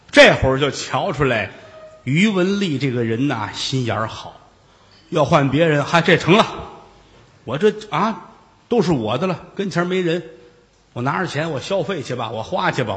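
A male storyteller narrating a traditional tale in a colloquial, theatrical way with asides to his listeners, recorded with reverb. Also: a little high.

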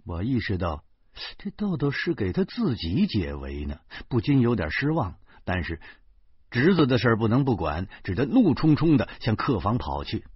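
Male narrator, husky and animated, dry close sound, dull lo-fi audio. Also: mid-range voice, normal speed, no echo. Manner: lively, comic storytelling with big swings. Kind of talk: first-person novel reading. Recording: dull lo-fi recording.

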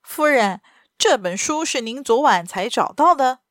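A woman puts on a determined young detective who presses with quick, urgent questions. His voice runs a touch higher than usual and sounds dry and close to the mic. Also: expressive, no room sound. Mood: probing.

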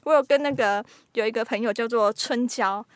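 A woman's voice: fairly high pitch, fairly quick, no echo. Young woman telling ghost stories. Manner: lively storyteller, builds suspense. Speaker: podcast host. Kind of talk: casual ghost-story telling.

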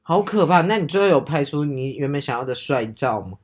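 Woman, lowish voice, chatty and expressive, asks lots of questions. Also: a little fast, husky. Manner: reactive listener, short replies, asks questions. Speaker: podcast co-host. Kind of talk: casual chat.

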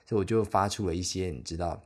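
A young man from Taiwan speaks in a low, deep register with a Taiwanese Mandarin accent. He hosts his own podcast alone, wandering through a travel story and often losing his train of thought. He pokes fun at himself in a loose, chatty way. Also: fast, a little mellow. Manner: rambling, self-deprecating, chatty. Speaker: podcast host. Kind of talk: casual solo podcast storytelling.

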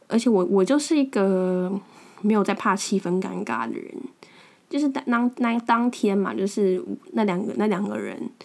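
A woman's voice: mid-range voice, vocal fry, darkish tone. Blunt young Taiwanese woman podcasting. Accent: Taiwanese Mandarin. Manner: blunt and frank, repeats words as she restarts. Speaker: podcast host. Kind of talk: casual storytelling monologue.

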